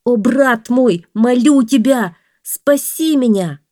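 Woman doing a frantic, pleading trapped man, high and loud, dry. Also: expressive, takes it slowly, no echo. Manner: pleading, raised voice.

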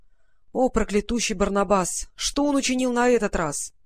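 A woman's voice: medium pitch, moderate pace, no echo, lightly acted. A woman reading an audiobook, voicing a fiery, bossy female magic toy who exclaims and grumbles. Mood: excited.

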